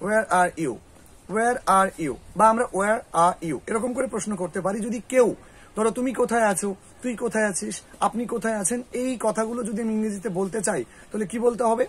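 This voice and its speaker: High-voiced Bengali man teaching English. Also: husky. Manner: patient, quizzing a student, repeats English phrases slowly. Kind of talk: classroom lesson.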